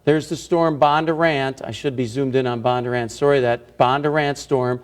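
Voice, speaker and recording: Man, TV meteorologist, live radar commentary, short emphatic phrases, mid-range pitch. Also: fairly even intonation, moderate pace. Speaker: chief TV meteorologist.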